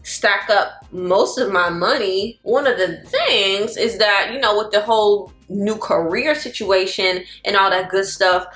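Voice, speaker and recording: A woman in her twenties from Florida vlogs while getting ready, chatty and playful, drawling slang and sometimes singing. At medium pitch she goes a little slowly with few pauses and a fairly bright tone, against faint music in an echoey room.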